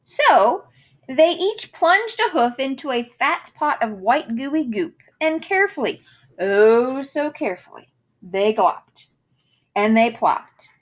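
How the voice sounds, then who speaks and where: In a high, sing-song voice, a woman slowly reads a children's picture book aloud. She performs it theatrically, lingering over the rhymes and wordplay and giving them dramatic emphasis.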